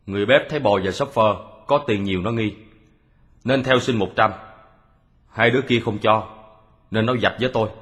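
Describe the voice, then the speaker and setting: A man playing a calm, methodical detective who patiently recounts how a crime was carried out, in a radio drama. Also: lowish voice, close to an everyday voice. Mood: steady. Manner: measured storytelling, steady. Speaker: detective explaining a solved case. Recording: long hall reverb.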